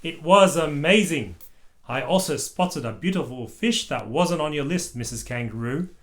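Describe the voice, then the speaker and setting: An adult reader voicing an excitable, cheerful little girl pig in a children's storybook. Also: medium pitch, normal speed, natural voice. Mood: excited. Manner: wide-eyed, enthusiastic.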